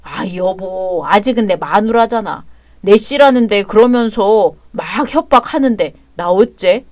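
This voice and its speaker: A woman's voice: medium pitch, measured pace, no room sound, lightly acted. A woman voicing a crude, drunken, boastful husband in a dramatized story reading, with a drawling, taunting delivery.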